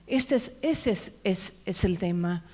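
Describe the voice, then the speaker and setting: A woman's voice: fairly low pitch, expressive, darkish tone. A woman speaker at a church conference, telling her personal testimony as a sermon in a reflective storytelling manner, often checking in with the audience. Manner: slow, reflective storytelling with tag questions.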